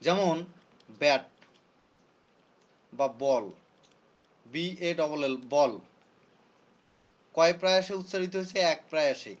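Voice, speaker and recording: A man's voice: fairly high pitch, slow, pauses often, lo-fi sound. A man teaching a classroom lesson who repeats his points and quizzes his students. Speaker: English teacher. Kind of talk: classroom lecture.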